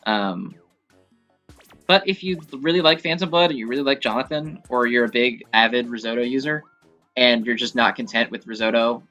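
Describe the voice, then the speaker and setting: A gaming video creator and host rambles through casual game commentary like an enthusiastic fan, swearing mildly, with video game music behind him. His mid-range voice sounds pushed and bright.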